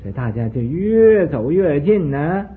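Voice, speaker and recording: Male Buddhist teacher, animated sermon storytelling, mid pitch, phone-like audio with faint hiss. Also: a little slow.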